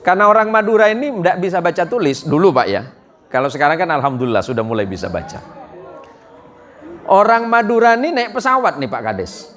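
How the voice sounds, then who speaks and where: A male preacher telling a humorous story to a congregation in an animated way. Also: sits high, fairly quick. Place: gathering with a live audience. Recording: faint audience laughter.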